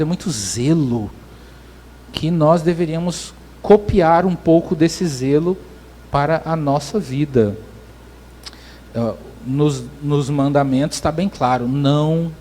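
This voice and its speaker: A man's voice: fairly high pitch, mellow, slight background noise. A man pastor, preaching a sermon in an explanatory way and often restarting his phrases.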